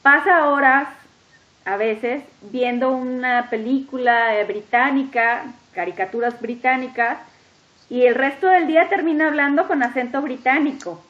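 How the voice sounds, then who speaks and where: Woman hosting a chat, higherish voice, talks fast and excited, kinda dull lo-fi sound. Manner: talkative, lively, emphatic listing. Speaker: podcast host interviewing a guest. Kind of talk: casual interview chat. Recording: dull lo-fi audio.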